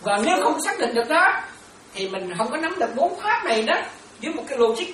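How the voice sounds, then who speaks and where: A Buddhist nun delivers a dharma talk, often stopping to ask her listeners whether they follow. Her woman's voice swings widely in pitch. The sound is distant and roomy, with faint ambience behind it. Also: very animated, fast, a bit bright, a little hiss or hum. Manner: questioning listeners often, repetitive. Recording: echoey room, distant mic.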